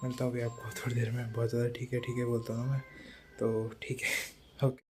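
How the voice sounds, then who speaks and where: A man's voice: medium pitch, completely flat delivery, fast talker. A man vlogging casually on his phone from an apartment balcony, rambling and correcting himself as he chats to viewers. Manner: rambling, self-correcting, chatty asides to viewers. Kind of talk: casual solo vlog chat. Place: apartment balcony in rainy weather. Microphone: phone camera. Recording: loud background noise.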